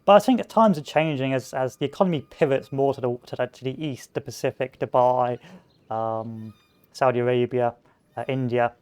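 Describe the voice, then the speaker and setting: A man's voice: medium pitch, normal speed, a little mellow, clear, resonant tone. Chatty man rambling over gameplay. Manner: rambling, chatty, wanders onto tangents with many fillers. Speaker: gameplay commentator. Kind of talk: casual let's-play commentary.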